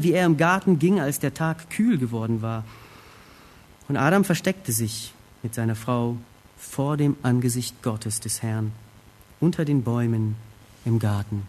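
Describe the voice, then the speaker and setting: A man with a fairly high voice delivers a sermon. He retells a scripture scene vividly, dropping to hushed, reflective tones and then rising to emphatic ones. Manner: expressive, acts out the scene, swings between hushed and emphatic. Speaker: preacher.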